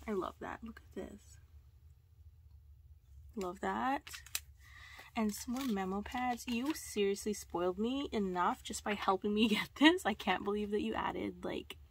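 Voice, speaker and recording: A woman's voice: mid-range voice, a little hiss or hum. A woman vlogger talking casually through an unboxing haul, gushing and squealing with delight.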